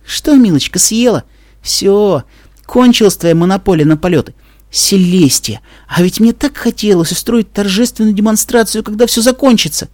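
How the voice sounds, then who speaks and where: A man's voice: sits high, normal speed, darkish tone, no echo, studio quality, pitched above the performer's own voice, lightly acted. A man reading a story aloud and voicing a clever young female unicorn pony who talks in a prim, smug way. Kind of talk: audiobook character voice.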